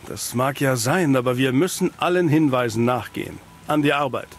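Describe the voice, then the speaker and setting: A man's voice: mid-range voice, expressive, normal speed, close to an everyday voice. A male actor playing a world-weary, cynical private detective in a fantasy video game, with a dry noir drawl. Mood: businesslike, suspicious. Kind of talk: scripted video game dialogue in German dub.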